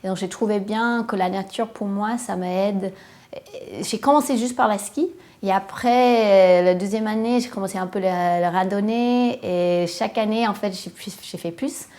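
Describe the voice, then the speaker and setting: A woman in her thirties shares her own story in a language she learned as an adult. She stops often to search for words and fills the gaps with small hesitations. Her voice sits at a middle pitch, typical for a woman. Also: fairly even intonation, moderate pace, darkish tone. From western United States. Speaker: interviewee. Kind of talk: casual personal account.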